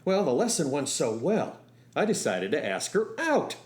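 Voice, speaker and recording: For a radio play, a man plays a young driving instructor and soldier recounting his love story in first person, wry, folksy, and nostalgic, with acted dialogue. His voice sits on the high side, swings hugely in pitch, and moves at a moderate pace.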